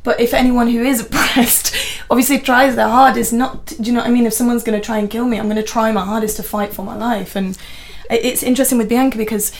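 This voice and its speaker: A woman's voice: on the high side, steady tone, gravelly. A woman actor joining an interview and speaking earnestly, often checking that she has been understood. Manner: earnest, quick, checks in with the listener. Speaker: actor and guest. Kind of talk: casual interview chat.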